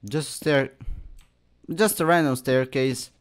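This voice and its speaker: A young man commentating a horror game, slangy and reacting with sudden loud outbursts. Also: mid-range voice, takes it slowly, smooth. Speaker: gaming YouTuber.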